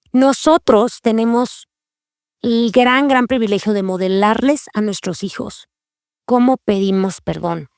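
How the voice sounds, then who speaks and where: Earnest woman, higher voice. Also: no room sound, clean studio sound. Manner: earnest, confessional, repeats key phrases. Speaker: podcast host.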